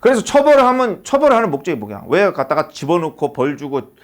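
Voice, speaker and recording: A high school English teacher, a man with a slightly high voice, talks a bit quickly as he gives an English lesson to his class. He's animated, asking one rhetorical question after another.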